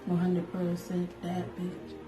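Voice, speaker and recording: A woman's voice: lowish voice, completely flat delivery, takes it slowly. Teasing woman co-hosting a chat show. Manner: teasing, questioning. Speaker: podcast co-host. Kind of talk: casual chat. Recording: roomy sound with faint music.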